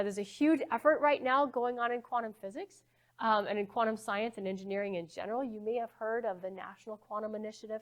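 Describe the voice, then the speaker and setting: Chatty woman physics lecturer. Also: medium pitch. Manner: conversational, asks the audience questions, frequent okays. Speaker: physics professor giving a talk. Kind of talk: live lecture to an audience. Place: church hall.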